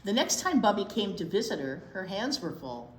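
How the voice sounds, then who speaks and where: In a mid-range voice, a library storytime reader performs a picture book for young children with lots of animation, pausing to wonder aloud and question them. The recording picks up a roomy echo and clear background noise.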